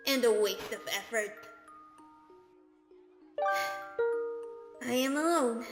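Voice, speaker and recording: A woman voicing a lonely, proud alien hive-mind remnant in a fan game, speaking solemnly through an echoing chorus-like effect. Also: on the high side. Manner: solemn, formal, slow.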